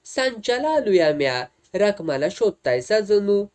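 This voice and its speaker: A man's voice: high-pitched, sing-song, a little slow, a little mellow, voice pushed up. A man voicing a pushy village headman who speaks in a blunt rural dialect in a storybook tale. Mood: suspicious. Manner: brusque rustic village dialect.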